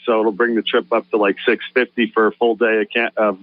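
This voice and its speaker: A man's voice: fairly low pitch, little pitch movement, a little fast, no room sound. A man who runs a fishing charter, a guest on a radio show, explaining things in an easygoing way with lots of fillers. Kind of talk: casual radio interview. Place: radio studio. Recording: dry, dull lo-fi radio audio.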